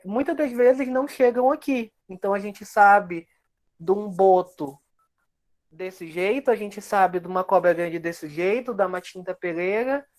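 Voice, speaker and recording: A young man, a researcher guest explaining his work reflectively at length. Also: high-pitched. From Amazonas, Brazil. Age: young adult. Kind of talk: casual interview.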